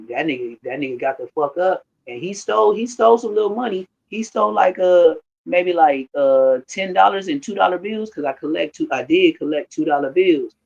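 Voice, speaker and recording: A man's voice: a little high, gravelly. A man in his thirties of Haitian background, rambling through a casual, slangy reaction commentary. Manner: rambling, slangy, storytelling with restarts. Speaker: streamer reacting to clips. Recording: dull lo-fi sound.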